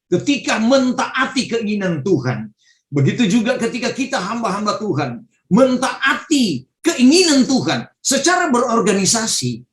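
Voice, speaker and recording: A middle-aged man preaching, telling his testimony with emotional, fervent bursts. His voice sits high for a man. It comes through a video call with a roomy echo around it. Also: fairly bright tone. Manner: emotional storytelling, fervent exclamations. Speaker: pastor. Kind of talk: testimony sermon.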